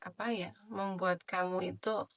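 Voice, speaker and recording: A woman giving a general tarot reading in a soft, chatty way, with many filler tags. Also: fairly low pitch, level tone, a little slow. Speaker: tarot reader.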